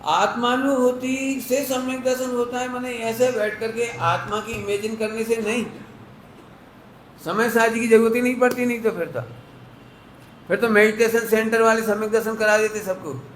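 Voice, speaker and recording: A man's voice: very high-pitched, steady tone, normal speed, fairly bright tone, echoey room, slight background noise, rough recording. A man giving a religious discourse, explaining with homely everyday examples and asking listeners whether they follow. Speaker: Jain preacher.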